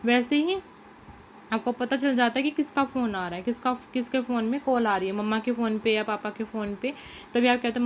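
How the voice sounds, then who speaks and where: A woman teacher who explains a lesson to young children, reading each English line slowly and then asking and answering her own questions in Hindi. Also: fairly high pitch, a little hiss or hum, low-quality recording.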